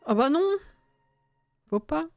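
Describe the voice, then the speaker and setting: A woman's voice: high-pitched, very animated, slow pace, creaky, dry recording, lo-fi sound. A young woman chatting casually on a live stream while building in a game, reading chat aloud, swearing and laughing often.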